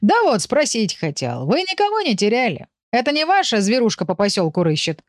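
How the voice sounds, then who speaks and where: A woman's voice: on the high side, huge pitch swings, fairly quick, no room sound, clean studio sound, voice pushed up. Woman voicing a jovial village man. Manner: jovial, folksy. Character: good-natured village man, curious neighbour. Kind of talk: audiobook character voice.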